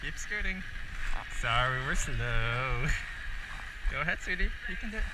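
Gentle, lively-voiced man coaching on a slope. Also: mid-range voice, measured pace, very noisy. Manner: gentle, repeats praise and simple instructions. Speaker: parent teaching a child to ski. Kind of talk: encouraging coaching while skiing. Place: outdoor ski slope. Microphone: action camera on the chest.

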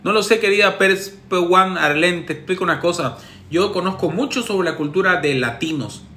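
A man's voice: high voice, normal speed, sharp tone, echoey room. Sarcastic man giving relationship advice. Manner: sarcastic and teasing. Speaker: relationship coach answering viewer messages. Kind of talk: casual advice monologue.

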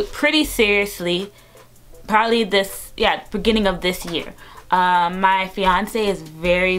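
A vlogger in her twenties talks casually to camera from her bedroom indoors, her voice on the low side and a bit bright. She's upbeat and chatty, with lots of fillers.

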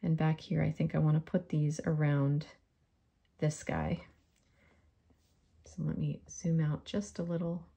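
A woman's voice: sits low, level tone, measured pace, creaky, long pauses, mellow, husky, highs cut off. A woman with a faint New York accent giving a friendly step-by-step polymer clay crafting tutorial.

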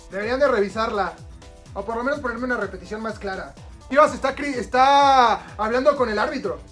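High-voiced Mexican woman yelling at a match. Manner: excitable, slangy, yells at plays. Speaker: football reaction host. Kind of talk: live match reaction commentary.

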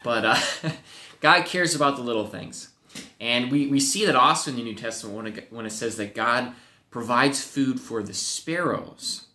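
Speaking at a moderate pace and medium pitch, the same young Wisconsin youth pastor brings animated energy and playful character voices to a children's Bible story. His voice is crisp and bright, and the webcam on his home-office desk records a roomy echo from the walls.

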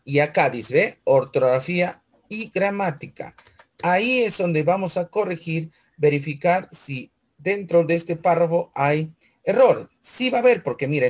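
A man teaching a computer class, talking the students through each step and often checking in with them. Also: on the high side. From Peru. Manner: walks through steps aloud, keeps checking with "¿ve?" and "chicos"; asks questions in a student's voice, then answers them. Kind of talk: screen-recorded computer class.

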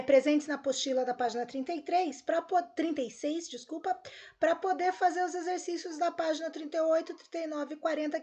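A woman teacher with a Brazilian Portuguese accent, going over homework answers with her pupils in an upbeat recorded lesson. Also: sits high. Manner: upbeat, lively, talks straight to pupils.

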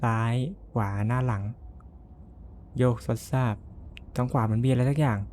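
A man's voice: mid-range voice, fairly even intonation, unhurried, a little mellow, slight background noise. A man playing a horror game and commenting as he goes, jumpy, cursing and laughing nervously. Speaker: gamer.

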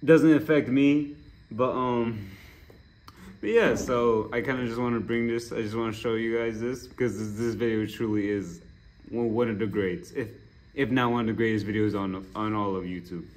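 A man's voice: mid-range voice, fairly even intonation, moderate pace, a little mellow, slight background noise. A young man hosting a reaction video, talking casually with lots of swearing and jokes, getting worked up. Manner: profane, joking, riled up.

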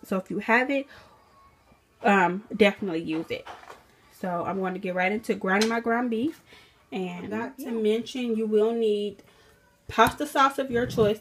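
Recorded on a camera sitting on the counter, a cooking vlogger talks through a recipe step by step in her home kitchen, thinking aloud and correcting herself as she goes. Her voice is mid-range, with slight background noise in this casual walkthrough.

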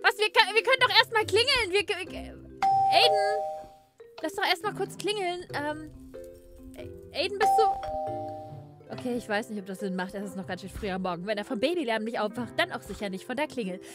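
A young woman playing a game roleplay as the host, chatting in an excitable way with quick questions and exclamations. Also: high-pitched, loud music behind the voice. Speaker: YouTuber playing a Minecraft roleplay. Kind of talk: playful game roleplay chat.

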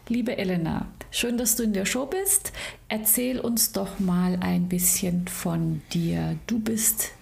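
A woman hosting a podcast in a relaxed interview tone. Her voice has a gravelly, creaky edge. She asks long, winding questions and restarts herself often. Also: mid-range voice, slow. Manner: chatty, rambling questions with many restarts. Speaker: podcast host. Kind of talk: casual interview.

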